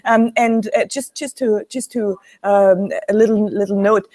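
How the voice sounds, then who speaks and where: A woman on a live panel talking enthusiastically, halting and restarting her sentences. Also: mid-range voice, fairly even intonation, darkish tone, no echo. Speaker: panel co-host. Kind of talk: casual chat.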